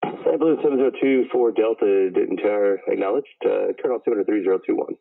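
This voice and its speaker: Over a tinny, phone-like radio link, a man working as a tower controller issues routine air traffic instructions. He talks quickly in a lowish voice with vocal fry.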